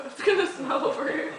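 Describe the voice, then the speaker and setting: A woman chatting casually with a friend at home, giggling often, caught by the camera's microphone. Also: high-pitched. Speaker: friend filming a burping contest. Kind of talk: casual chat. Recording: roomy, distant home-video audio with noise.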